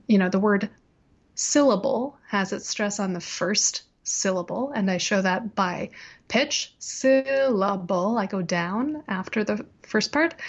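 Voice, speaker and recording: Woman cantor explaining stuff clearly, mid-pitched voice, kinda dull lo-fi sound. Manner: clear, teacherly, demonstrates chant by singing. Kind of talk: explanatory interview talk. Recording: slightly dull lo-fi audio.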